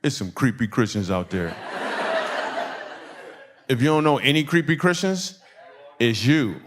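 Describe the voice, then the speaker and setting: A middle-aged man from Michigan doing stand-up storytelling, animated, acting out the voices of people in his story and laughing along with his own lines. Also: mid-range voice, measured pace, heavy background noise. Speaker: stand-up comedian. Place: comedy stage before a live audience.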